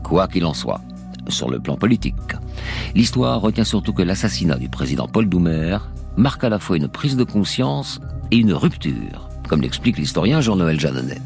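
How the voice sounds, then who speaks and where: Deep, animated male documentary narrator. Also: normal speed, gravelly. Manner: storytelling, emphatic phrasing. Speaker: radio documentary narrator and host. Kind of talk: scripted dramatic narration. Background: music.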